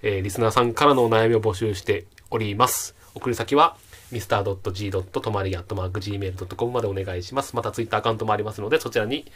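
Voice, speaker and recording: A man co-hosting a podcast, chatting casually about a film and tripping over his words now and then. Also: lowish voice. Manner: quick, relaxed, trips over words. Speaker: podcast co-host.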